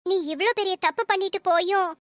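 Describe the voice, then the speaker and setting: A woman voicing a sly shrill cartoon sister-in-law. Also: steady tone, a little fast, dry recording, studio quality. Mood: coaxing. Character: cunning young sister-in-law, sweet-talking. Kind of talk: cartoon story voice acting.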